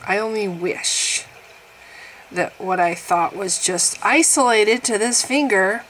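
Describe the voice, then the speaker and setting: A woman in her early fifties vlogs at home, making fun of her own aches with big dramatic swings in her voice. Her pitch sits in the middle of the range, and a faint hiss lies under the talk. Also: slow pace, low-quality recording. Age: 50s. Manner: wry, exaggerated, laughing at herself, swings in pitch and loudness. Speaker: vlogger. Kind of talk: casual self-mocking monologue to camera.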